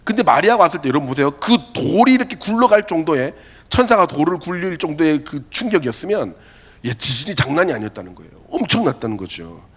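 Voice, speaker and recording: In a church worship hall, a male pastor gives a youth sermon as animated storytelling, often taking on the voices of the people he quotes. His pitch is a little high for a man and swings widely between phrases, and he talks fast with a breathy edge.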